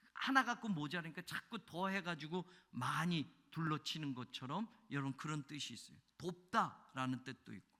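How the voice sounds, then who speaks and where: A male pastor preaching a sermon. He swings from shouting fervor to quiet, chatty asides. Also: a little high. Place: church sanctuary. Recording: long reverb of a church hall.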